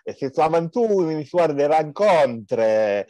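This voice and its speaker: A man attempting a mixed-up Spanish-Italian comic accent, halting and stumbling over his words. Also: fairly high pitch, lively intonation, warm tone, dry recording, highs cut off. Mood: hesitant.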